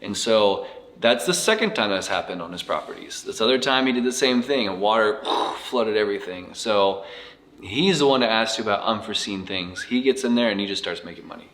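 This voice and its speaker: A man hosting a casual interview, reading out viewer questions in a quick, loose manner. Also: lowish voice, animated, fairly bright tone. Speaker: interviewer and channel host.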